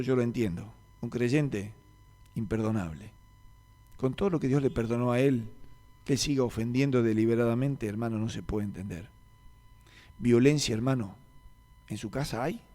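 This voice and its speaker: Male Rioplatense pastor, sermon, middling pitch, storytelling with quiet dips and loud peaks, long hall reverb. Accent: Rioplatense Spanish. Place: church meeting hall.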